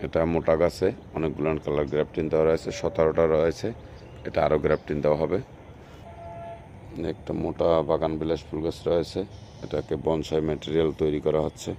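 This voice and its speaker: A man's voice: a bass voice, monotone, fast talker, mellow, slight background noise. A man with a Bangladeshi Bengali accent walks through an outdoor plant nursery, showing the plants in a repetitive, salesy way as he points them out. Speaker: nursery video host. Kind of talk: casual walkthrough narration.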